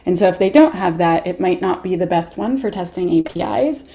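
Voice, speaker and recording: A woman's voice: lowish voice, expressive, brisk, dark tone. A woman with a Canadian accent presenting a live online workshop, chatty, laughing often and answering viewer questions as she goes.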